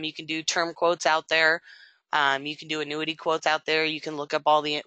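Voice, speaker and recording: Bright, upbeat agency trainer. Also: mid-range voice, dry recording. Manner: conversational, frequent "um" fillers; upbeat promotional tone. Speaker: agency sales support representative. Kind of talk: training webinar presentation.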